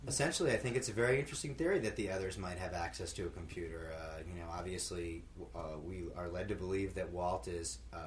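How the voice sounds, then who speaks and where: A man with a very deep voice co-hosts a casual podcast and a faint hiss sits under him. He answers listener questions slowly and thoughtfully, hesitating often and landing dry quips. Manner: thoughtful, hesitant with many fillers, dry humor. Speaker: podcast co-host.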